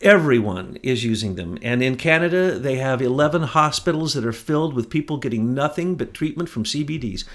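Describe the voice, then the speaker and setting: A man co-hosting a political talk show, speaking in an indignant, emphatic way that rises to near shouts. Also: mid-range voice, expressive, brisk, hardly any pauses. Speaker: podcast co-host. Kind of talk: heated political commentary.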